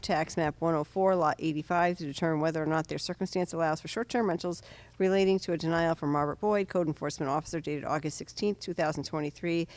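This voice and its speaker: A woman with a nasal voice reading public notices and dates aloud at a town board meeting in a brisk, even way. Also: deep voice. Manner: brisk monotone reading of dates and legal text. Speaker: board clerk. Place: town hall meeting room.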